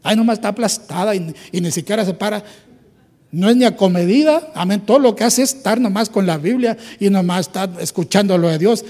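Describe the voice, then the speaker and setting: Give me a flustered, nagging woman cook, as a preacher with a high voice puts her on. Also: a little fast, a little mellow, in a large hall. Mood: exasperated. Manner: fussy, exasperated nagging.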